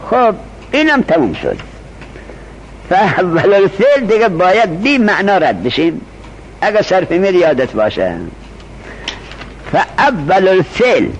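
High-voiced man teaching a class. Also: slight background noise, poor audio. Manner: reads text slowly, then explains quickly and quizzes students. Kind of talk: classroom grammar lesson.

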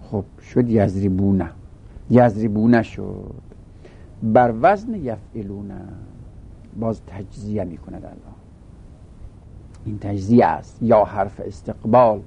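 A man's voice: on the low side, expressive, mellow, a little hiss or hum. A man teaching a grammar lesson, working through a text. He asks questions and then answers them himself, patiently restating each point.

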